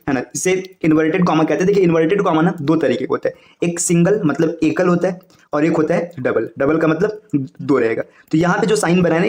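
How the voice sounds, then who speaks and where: A man teaching Hindi grammar for exam coaching, explaining fast and checking in with "है ना" and "देखिए". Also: fairly high pitch, a little mellow, reverberant.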